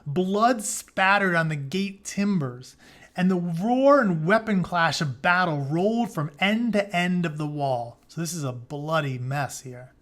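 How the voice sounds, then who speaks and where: A man with a high, fairly bright voice reads an epic retelling aloud at a measured pace, like a teacher. He performs the text dramatically, then breaks off into casual, plain-spoken asides that paraphrase what's happening.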